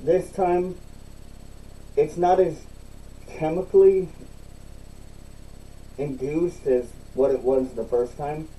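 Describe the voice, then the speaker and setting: A man giving a casual, unscripted review in a halting, repetitive way, recorded slightly away from the mic. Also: fairly high pitch, steady tone, warm tone, distant mic, poor audio. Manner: halting, repeats himself. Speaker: product reviewer.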